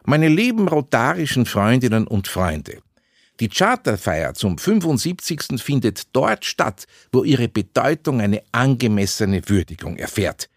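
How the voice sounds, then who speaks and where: A man reading a story, voicing a dignified older woman, a former judge, who speaks in measured, solemn pronouncements. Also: mid-range voice, very animated, no echo, clean studio sound.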